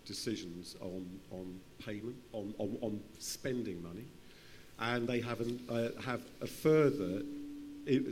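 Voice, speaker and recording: Talking unscripted on a conference panel in a large room, a man with a fairly low, slightly mellow voice frequently restarts and repeats his phrases. The audio carries hall reverb along with a faint hum and noise.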